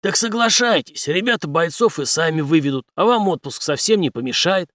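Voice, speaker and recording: A stubborn, brash officer pushes his point in forceful, clipped phrases, played by a male audiobook reader. The voice sits fairly high, recorded dry and close. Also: lively intonation, a little fast, no room sound.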